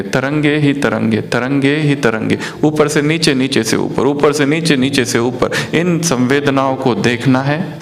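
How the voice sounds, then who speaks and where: Guy teaching meditation, slow repetitive talk, asks the listeners stuff, faint music behind. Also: medium pitch. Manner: slow, repetitive, chanting phrases.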